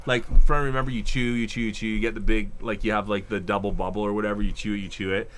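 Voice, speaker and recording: A man's voice: on the low side, little pitch movement, fast talker, a bit bright. Give me a man podcast host, joking and teasing, with noise in the background. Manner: joking, teasing, puts on silly voices. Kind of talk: casual chat. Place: podcast studio.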